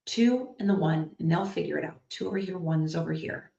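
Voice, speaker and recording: A woman working as a psychic medium, giving a live reading to an audience and thinking out loud as she passes on messages. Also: deep voice, brisk, creaky. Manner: chatty, thinks out loud while relaying messages. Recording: echoey, slightly dull recording.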